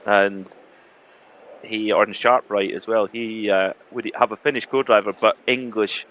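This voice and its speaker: Male rally commentator, chatty and easygoing, low-ish voice with a bright, forceful edge, dull lo-fi stream audio. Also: steady tone, measured pace. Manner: easygoing, chatty, with filler words. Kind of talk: live sports commentary.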